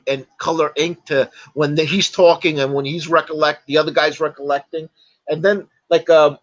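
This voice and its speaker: A man chatting as a podcast guest, retelling stories in a halting way, full of fillers and restarts. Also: a little high, fairly bright tone, lo-fi sound. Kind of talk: casual podcast chat.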